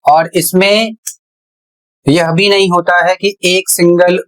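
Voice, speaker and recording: A male teacher explaining pronunciation rules at a board in a deliberate way, repeating each step. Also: sits high, fairly even intonation, poor audio. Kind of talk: slow classroom explanation at a board.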